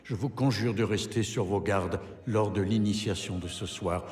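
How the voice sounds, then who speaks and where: Solemn male letter voice-over, actor, lowish, reverberant, formal. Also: normal speed, darkish tone, close to an everyday voice. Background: game music.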